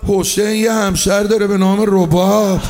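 A man's voice: high-pitched, flat delivery, noisy background. A man giving a mourning sermon, lamenting and chanting with emotion. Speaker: mourning preacher.

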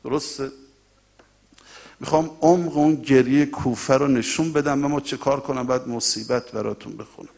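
A male preacher giving a colloquial, impassioned mourning sermon that swells into loud cries and drops to quiet asides to the congregation. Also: mid-range voice, steady tone, gravelly. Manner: colloquial, direct address to the congregation.

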